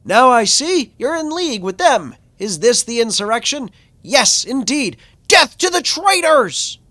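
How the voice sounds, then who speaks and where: A man voicing a paranoid male traitor soldier who shouts in a shrill, frantic way. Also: big pitch swings, unhurried, dry recording, full character voice.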